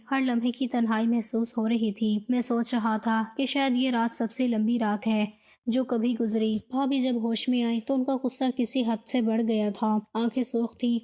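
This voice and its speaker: A woman narrating a moral story in a scripted, even way, without fillers. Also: fairly high pitch.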